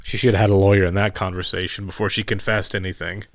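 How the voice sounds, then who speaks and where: A man's voice: low voice, level tone, fast talker, no echo, studio quality. A man giving casual, engaged, exclamatory commentary as a reaction video host.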